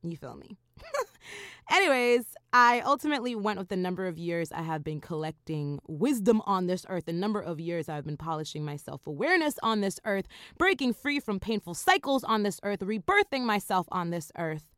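A woman's voice: mid-range voice, big pitch swings, normal speed, fairly bright tone, clear, resonant tone, no echo, studio quality. A woman in her thirties hosting a solo podcast, talking casually with slang, laughter and swearing. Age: 30s. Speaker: podcast host.

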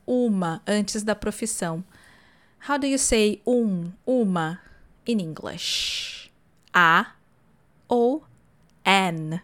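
Brazilian lady english teacher, podcast lesson, slow careful explaining, repeats pronunciations. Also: a little high. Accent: Brazilian Portuguese. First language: Portuguese.

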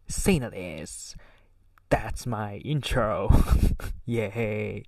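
A man's voice: mid-range voice, darkish tone, no room sound, far from the mic. A nineteen-year-old man from Kagoshima with a light Kagoshima accent, chatting casually as a podcast host, rambling and losing his thread. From Kagoshima, Japan. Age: teens. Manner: rambling, self-deprecating, trails off mid-thought. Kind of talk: casual chat.

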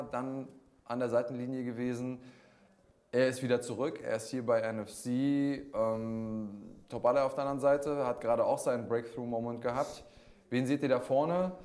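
A man with a medium-pitched voice hosts a combat sports interview on a live stream. He is conversational and wordy, encouraging his guest through long, winding questions. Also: darkish tone.

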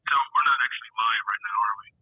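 A man's voice: on the low side, fast, background noise. A man co-hosting a podcast in casual chat, with a tinny sound as if he were inside a tin can over a dropping internet call. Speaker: podcast co-host. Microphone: remote call.

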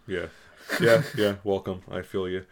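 A man's voice: low-pitched, fairly even intonation, unhurried, gravelly. A man hosting a podcast, chatting in a loose, rambling way with casual swearing. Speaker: podcast host.

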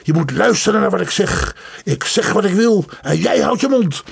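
Guy putting on a screechy old dad losing it, way high, yelling, kinda gravelly. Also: expressive, moderate pace, full character voice. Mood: raging. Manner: shrieking, furious ranting. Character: raging miserly old father, tyrant.

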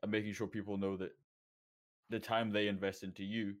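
A man's voice: fairly low pitch, little pitch movement, a little fast. A man, a streamer on a panel, giving his view in natural, casual unscripted talk.

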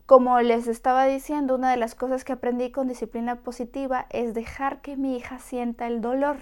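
Expressive woman hosting a motivational podcast. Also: a little high. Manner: expressive and encouraging, acts out voices of adults soothing children. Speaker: podcast host.

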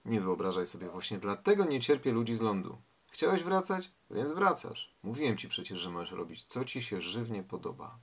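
A man's voice: lowish voice, big pitch swings, a little fast, few pauses, breathy edge, full character voice. A man voicing a sardonic old male sea turtle who lectures in a dry, slightly mocking way. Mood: reproachful.

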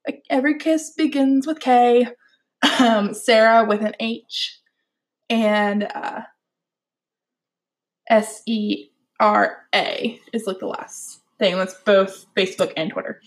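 A young woman chatting casually about books at home at night, giggly, rambling and poking fun at herself. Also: fairly high pitch. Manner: giggly, rambling, self-deprecating. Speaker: book reviewer. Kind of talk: casual chat.

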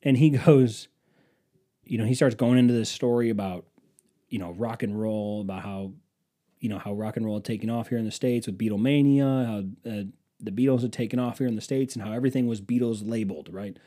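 Inside a museum exhibit, a young male vlogger in his twenties tells his phone a long, wandering tale full of cursing and self-deprecation. His mellow voice sits on the low side and moves a little fast.

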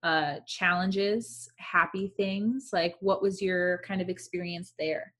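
A woman's voice: lowish voice, fairly even intonation, slow pace, fairly bright tone. A woman in her twenties chatting casually and reflectively as a guest, with many fillers. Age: 20s. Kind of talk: casual chat.

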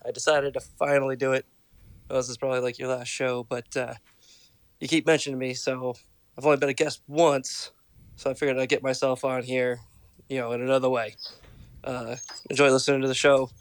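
A man in a casual recorded voice message, played back so he sounds distant and quiet, with a laid-back delivery. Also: medium pitch, level tone, a little fast, clear, resonant tone, no room sound. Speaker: caller leaving a voice message.

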